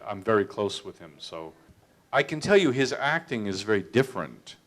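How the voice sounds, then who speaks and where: A man's voice: on the low side, sing-song, moderate pace, a bit bright. A man who is a film director tells anecdotes at a public Q&A, self-deprecating and often stammering into restarts. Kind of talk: storytelling talk at a public Q&A.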